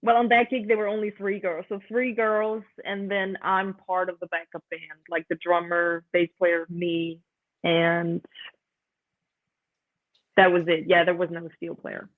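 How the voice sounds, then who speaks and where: Laughing frequently, this young guest musician from Switzerland talks casually in an interview with a Swiss German accent. Her fairly low voice moves little in pitch and stays unhurried, and the line sounds tinny and phone-like.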